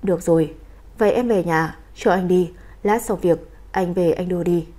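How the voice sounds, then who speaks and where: A woman voicing a cold, commanding male crime boss in a storybook reading, speaking in a calm, clipped, firm way. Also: fairly low pitch, normal speed, lightly acted. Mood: gentle.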